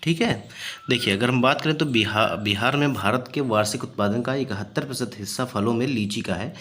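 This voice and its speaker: A coaching teacher gives an exam-prep lecture, working through past exam questions and explaining each answer with fillers and repeated phrases. His mid-range voice is brisk and fairly bright, with slight background noise.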